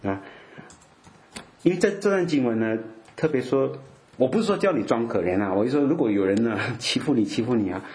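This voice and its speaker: A man's voice: medium pitch, animated, fairly quick, darkish tone. A middle-aged man preaching a sermon, often stumbling over repeated words and checking in with his listeners. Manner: repeats words, frequent 'ah' fillers, asks listeners OK.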